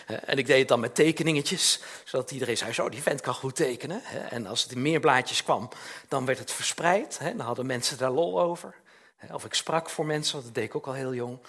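A man's voice: medium pitch, brisk, a bit bright. An older man preaching a chatty, informal sermon, often tagging questions onto his sentences and acting out little scenes.

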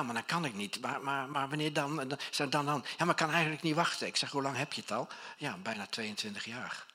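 Man, pastor, conversational sermon, forceful tone, slightly raspy. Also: medium pitch. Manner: conversational, animated, with many restarts.

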